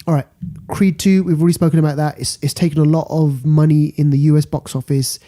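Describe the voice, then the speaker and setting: A man's voice: a little high, fairly even intonation, quick pace, dark tone. A British man hosting a casual film podcast, talking through rankings informally and repeating phrases for stress. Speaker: podcast host. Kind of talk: casual box office rundown.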